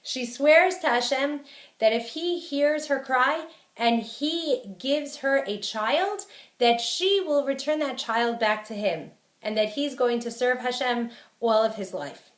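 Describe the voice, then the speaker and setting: Higher-voiced woman lecturing in a roomy space. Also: slow pace. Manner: emphatic repetition for stress; explains verses in plain terms. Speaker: Torah teacher. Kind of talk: spoken Torah lecture.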